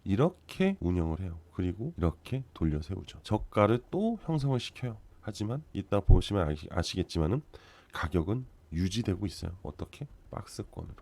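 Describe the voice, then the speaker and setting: A man's voice: sits low, big pitch swings, normal speed, a little mellow. A man hosting a crypto investment channel. He talks bluntly and emphatically, asks rhetorical questions and answers them himself, and reassures worried holders. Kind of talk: market commentary to viewers.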